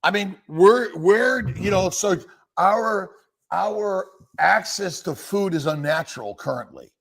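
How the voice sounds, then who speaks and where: A man hosting a live health chat, with a gravelly, creaky edge to a voice that sits a bit high. He rambles, restarts, repeats his words and tosses questions at his guests. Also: lively intonation, slow pace, fairly bright tone. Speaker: doctor and show host. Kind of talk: casual livestream talk.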